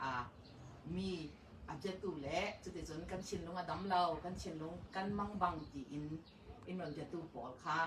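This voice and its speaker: A woman counselor speaks in an unhurried, measured, reassuring way. Her voice comes from some distance off the mic in a roomy, echoing space. A faint noise hums underneath. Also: on the low side. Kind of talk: calm informational talk.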